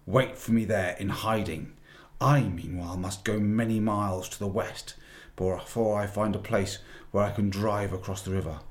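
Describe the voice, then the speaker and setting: A man's voice: on the low side, steady tone, moderate pace, lightly acted. A man reading aloud and voicing an imperious, cruel witch queen with clipped commands. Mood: commanding.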